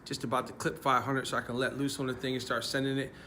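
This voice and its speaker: A laid-back man with a Philadelphia accent talks casually to his viewers, chatty and loose with his swearing. His voice sits at an ordinary middle pitch. Clear outdoor noise runs behind him. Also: level tone, quick pace, pushed and bright. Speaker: car channel host. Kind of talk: casual vlog talk. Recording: noisy outdoor ambience.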